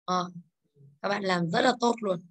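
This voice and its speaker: A woman English teacher in a classroom, drilling her students with quick questions and telling them to speak up. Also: medium pitch.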